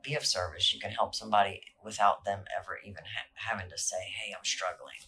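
A woman's voice: extremely low pitch, fairly even intonation, fast talker, pushed and bright, slight background noise. A woman guest talking in a casual interview, earnest and chatty, with lots of fillers and easy laughs. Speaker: podcast guest, recovery alumni coordinator.

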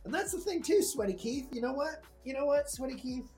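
A woman's voice: high voice, lively intonation, brisk, mellow, faint music behind. Ranting, profane comedy podcast woman. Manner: profane, ranting, breaks into laughter. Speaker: podcast co-host. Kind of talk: improvised comedy rant.

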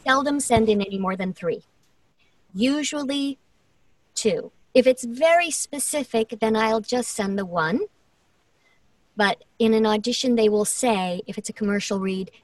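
A woman's voice: medium pitch, no room sound, recorded from a distance. A woman who works as a voice actor, speaking in an interview and sometimes acting out casting notes. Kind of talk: interview conversation.

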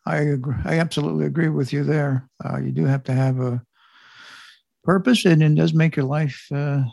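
A man hosting a casual interview in a folksy, halting way. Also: a little high, fairly even intonation, gravelly, a little mellow, no echo. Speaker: podcast host.

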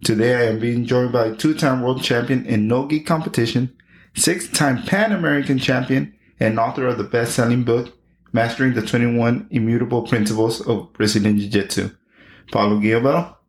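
A man's voice: medium pitch, moderate pace. Podcast host man in an echoey room. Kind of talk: podcast interview.

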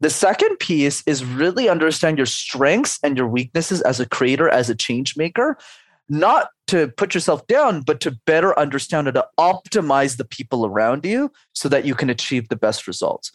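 Slightly high and sing-song, this man's voice moves at a normal speed with no echo. A Canadian speech coach in his twenties or thirties, he talks with energy during a podcast interview, breaking his advice into numbered steps.

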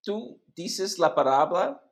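A man whose first language is English, practicing a poem recitation as a Spanish learner, halting and repeating words syllable by syllable. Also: sits high, lively intonation. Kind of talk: practicing poetry recitation in a lesson.

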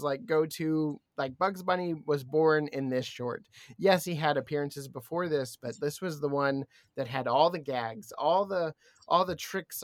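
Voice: mid-range voice, a bit bright, no room sound, studio quality. An enthusiastic podcast co-host chatting casually and explaining cartoon history.

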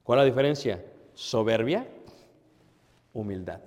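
A man preaching a sermon as a pastor, asking rhetorical questions and swinging between loud emphasis and hushed asides. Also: medium pitch, lively intonation, unhurried. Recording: long hall reverb.

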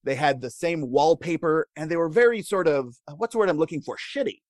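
A man co-hosting a casual chat, telling food history with wry, deadpan jokes. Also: fairly high pitch, fairly quick, no echo, clean studio sound. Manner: wry, deadpan jokes, laughs at own lines. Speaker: podcast co-host telling history.

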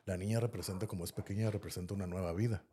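The host's deep, dark voice stays on fairly even intonation as he talks very fast, with slight background noise behind him. With a Mexican accent, he rambles through a story in casual podcast chat, sprinkling in "¿no?" and "así."

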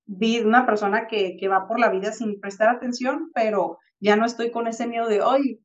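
A woman's voice: on the high side, normal speed, lo-fi sound. A Mexican woman in her thirties chatting casually on a podcast, telling a reflective everyday story and acting out the people she quotes. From Tijuana, Mexico. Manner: reflective, animated anecdote-telling with acted-out quotes. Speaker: podcast co-host.

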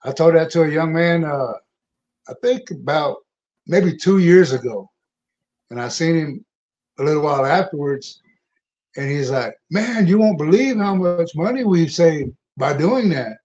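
A man's voice: fairly high pitch, lively intonation, unhurried, darkish tone. A man calling in over the phone, chatting easily and agreeing with the host. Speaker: call-in guest. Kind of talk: casual chat. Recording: tinny, distant phone line.

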